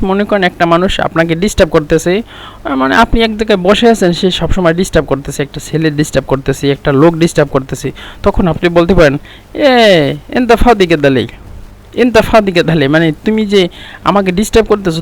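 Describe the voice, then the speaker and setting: A man giving a casual spoken language lesson, explaining patiently and repeating phrases slowly so they can be copied. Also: high voice. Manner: conversational, chatty teaching tone. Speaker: Arabic language teacher.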